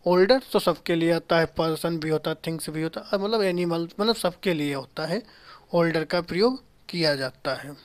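A man in his thirties teaching a grammar lesson at a whiteboard in a small room. He explains slowly, repeats key terms and answers his own rhetorical questions. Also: on the high side, clear, resonant tone.

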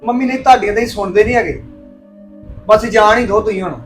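An actor playing a young husband who calmly reasons with his mother. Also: high-pitched, fast talker, faint music behind, close to an everyday voice. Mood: placating. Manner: reasoning, placating. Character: calm young husband mediating family. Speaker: husband and son. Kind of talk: family drama acting.

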